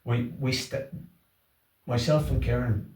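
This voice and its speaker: Slow and a little mellow, this mid-range voice with fairly even intonation comes from a middle-aged or older man with a Wexford Irish accent. As an interview guest and Irish language class organiser, he chats casually, hesitating and repeating himself, heard distantly with a roomy echo.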